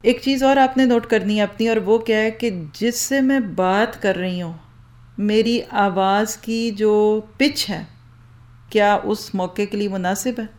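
A woman's voice: medium pitch, a little slow, darkish tone. A woman giving a lecture on speaking skills into a microphone in a hall with an audience. She poses rhetorical questions and answers them herself. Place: lecture hall with rows of listeners. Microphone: handheld or stand microphone.

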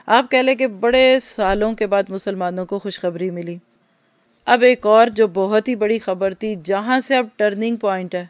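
A woman gives a religious storytelling lecture at an ordinary, middle pitch. She talks straight to her listeners and asks them questions. The sound is dry and close, with no room echo. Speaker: religious teacher.

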